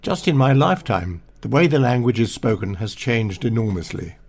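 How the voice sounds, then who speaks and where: A man's voice: mid-range voice, expressive, normal speed, gravelly, a little mellow. Older male author narrating his memoir; wry, pernickety delivery that mimics pronunciations. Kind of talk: audiobook memoir reading.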